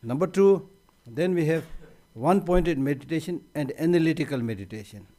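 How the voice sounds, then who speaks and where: Mellow-voiced man giving a Buddhist teaching. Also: a little high, lively intonation, brisk. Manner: conversational, repeats words as he restarts. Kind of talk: conference teaching talk.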